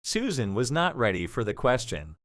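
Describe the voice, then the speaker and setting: Very dry and free of any room sound, this recording features a male narrator for an audio drama. He is a measured storyteller in a mid register whose pitch moves in an animated way.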